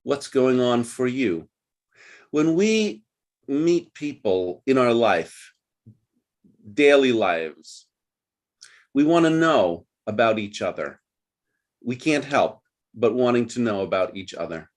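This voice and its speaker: Animated man teaching English online. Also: medium pitch, slow pace, long pauses. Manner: patient, coaching, repeats for learners. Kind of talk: online group English lesson. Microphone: video call.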